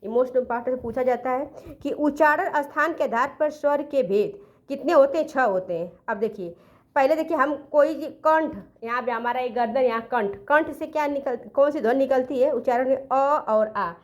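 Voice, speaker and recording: A woman with a high, light voice teaches an exam-prep grammar class. She explains step by step, poses questions and answers them herself, and slows down to spell out letters one by one. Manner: self-corrects, counts letters aloud slowly.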